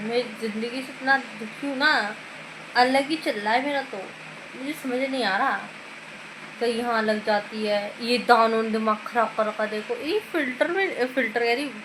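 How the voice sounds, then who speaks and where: A woman vlogger chatting to her phone camera in a rambling, casual way. She keeps calling her viewers guys and speaks softly because her mouth is sore. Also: a little high, moderate pace, background noise. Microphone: phone camera filming herself.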